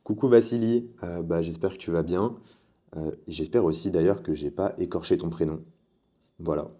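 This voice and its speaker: A man's voice: deep voice, moderate pace, dark tone. A man giving a casual, chatty tutorial as a coach, speaking directly to the viewer. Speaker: online business coach.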